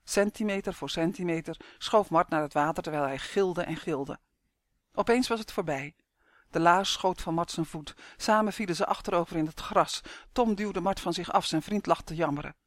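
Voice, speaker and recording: An audiobook narrator reading a story in a calm, even storytelling manner. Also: medium pitch, moderate pace, dry recording.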